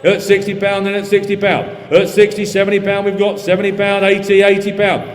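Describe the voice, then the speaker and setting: A man working as an auctioneer, calling live bids in a rapid, repetitive patter. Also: high-pitched, monotone. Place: large reverberant auction room. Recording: echoey hall PA, music behind.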